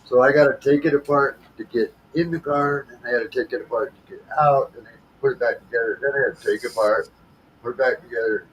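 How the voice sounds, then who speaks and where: A man's voice: mid-range voice, fairly even intonation, fast, fairly bright tone, muffled recording, a little hiss or hum. A man talking casually on his livestream, blunt and frustrated, swearing heavily. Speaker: livestream host.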